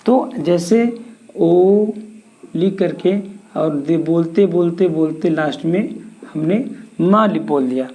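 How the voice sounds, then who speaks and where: A man's voice: on the high side, a little slow, a little mellow, lo-fi sound. A man teaching a grammar lesson for exam preparation, asking questions and answering them himself.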